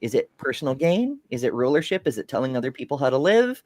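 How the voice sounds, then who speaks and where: A man's voice: medium pitch, very animated, quick pace, a little mellow, dry recording. A man co-hosting a casual podcast chat, rambling and profane as he tells a fable. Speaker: podcast co-host.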